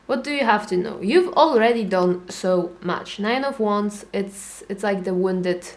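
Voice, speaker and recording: A young adult woman giving a casual tarot reading, chatty and animated, acting out little inner voices as she talks. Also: medium pitch, measured pace. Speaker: tarot reader.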